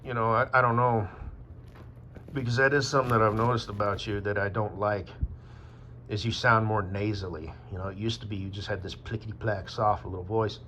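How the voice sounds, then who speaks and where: A man's voice: on the low side, flat delivery, a little fast, sharp tone, a little hiss or hum. A man from Wyoming talking in a rambling, casual monologue, meandering with fillers and swearing. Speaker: vlogger. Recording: dull lo-fi with faint ambience.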